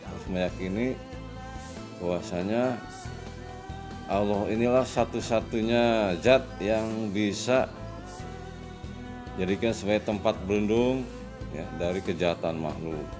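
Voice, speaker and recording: A man teaching a children's lesson in a patient, slow manner, often adding "ya" as he explains. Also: fairly low pitch, over music. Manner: slow and patient, with frequent "ya" tags and louder drawn-out recitation. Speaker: religious studies teacher.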